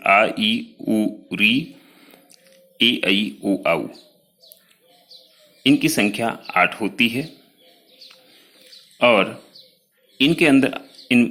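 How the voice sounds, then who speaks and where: Bright-voiced male teacher explaining slowly. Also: on the low side. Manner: explains slowly, spelling out sounds one by one; addresses students directly, pointing to written notes. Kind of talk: classroom lecture.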